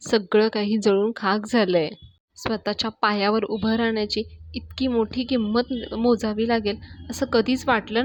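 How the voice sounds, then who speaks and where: A woman reading a heartbroken young woman's inner monologue, sorrowful and slow. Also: medium pitch, no echo, lightly acted.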